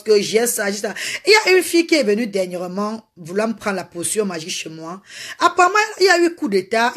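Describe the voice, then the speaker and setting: A woman hosting a casual live stream, talking animatedly and repetitively to her viewers and greeting them by name. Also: medium pitch. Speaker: live-stream host selling a slimming potion.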